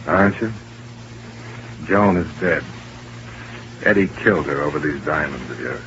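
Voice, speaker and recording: A hard-boiled radio private eye with a low, deep voice. His narration is terse and clipped, like a vintage radio drama. It comes through a muffled old broadcast with steady hiss. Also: unhurried. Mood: cold. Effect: old-time radio broadcast. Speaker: insurance investigator and narrator. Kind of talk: 1950s radio drama acting.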